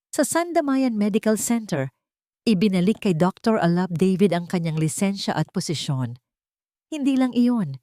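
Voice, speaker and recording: A woman narrates a scripted dramatic story in a mid-range, somewhat mellow voice. The recording is clean studio sound with no room echo.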